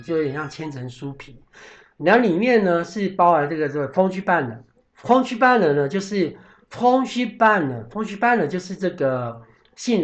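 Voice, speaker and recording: Chatty man explaining food customs. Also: on the high side. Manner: chatty, frequent "哦" fillers and restarts, spells out French words. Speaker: podcast host. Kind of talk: casual explanatory podcast talk.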